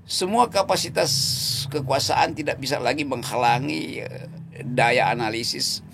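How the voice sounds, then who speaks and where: A man's voice: mid-range voice, measured pace, gravelly, background noise. A man speaking as a political commentator in an interview, sarcastic and mocking, laughing mid-sentence and correcting himself as he hunts for words. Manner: repeats words while searching, self-correcting. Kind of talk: interview talk.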